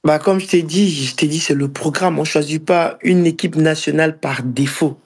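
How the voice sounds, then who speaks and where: An Ivorian professional footballer in his early 20s answers interview questions casually in an Ivorian accent. His fairly high voice is heavy with fry, and he speaks haltingly, looping back and repeating phrases to drive his point home.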